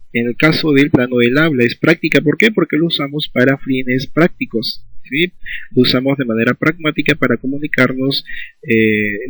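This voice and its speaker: A man's voice: mid-range voice, no room sound, rough recording. A man teaching a school language lesson, explaining patiently and often checking in with his students.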